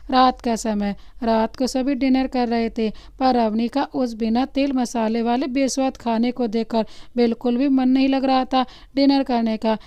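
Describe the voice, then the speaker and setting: A woman storyteller reading a romantic story aloud in a steady, expressive narration. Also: fairly high pitch, clean tone, no echo.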